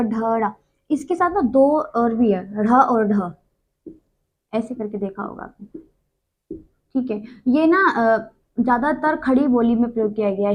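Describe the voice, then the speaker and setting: Woman, grammar teacher, slow and patient, drawn-out sounds, frequent fillers. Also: fairly high pitch. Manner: explains patiently, drawing out each consonant sound; uses many fillers. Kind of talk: classroom grammar lesson.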